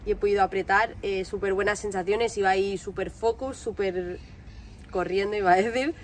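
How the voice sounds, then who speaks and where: A woman's voice: medium pitch, fairly even intonation, a little fast. A woman in her twenties with a Spanish accent from Spain, giving a casual recap to a camera outdoors. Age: 20s. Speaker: vlogger and amateur runner. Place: outdoors by parked cars on a street.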